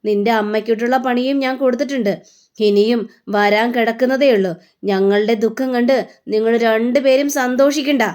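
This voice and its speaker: A woman voicing a stern, protective older mother figure who speaks in a slow, deliberate way. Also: on the high side, a little mellow, lightly acted. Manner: scolding, threatening, slow and deliberate.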